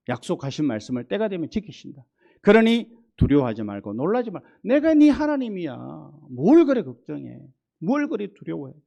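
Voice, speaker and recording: Lively Gyeongsang pastor preaching. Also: male voice, a little high. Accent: Gyeongsang Korean. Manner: conversational preaching, acts out God's reassuring voice. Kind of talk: sermon. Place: church sanctuary.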